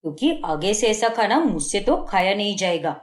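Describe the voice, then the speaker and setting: A woman's voice: medium pitch, lively intonation, moderate pace, lightly acted. A woman voicing a harsh, fault-finding young husband in a cartoon story, scolding and belittling. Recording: echoey room.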